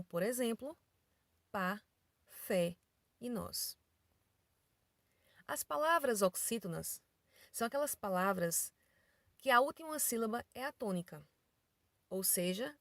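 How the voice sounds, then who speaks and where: Creaky-voiced Brazilian woman teacher. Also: mid-range voice, no echo. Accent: Brazilian Portuguese. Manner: slow, careful explanation, spelling out letters and examples. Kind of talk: online grammar lesson.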